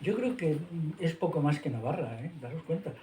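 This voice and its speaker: A man's voice: a little high, expressive, normal speed, warm tone. A man gives a rambling spoken history lecture and often tags his points with questions. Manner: discursive, frequent tag questions. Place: lecture hall at a school. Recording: echoey room, faint ambience.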